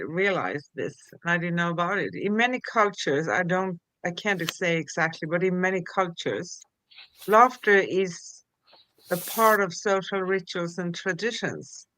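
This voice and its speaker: A woman's voice: on the low side, bright, forceful tone, dry recording, rough recording. A woman co-hosting a casual chat who tells stories and laughs often. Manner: giggly storyteller, laughs often. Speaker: co-host.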